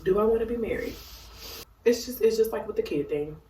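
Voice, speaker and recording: A woman's voice: mid-range voice, lively intonation, fairly quick. A tipsy woman chatting casually as a YouTuber answering questions, rambling in a goofy, giggly way. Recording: roomy echo, distant mic, faint noise.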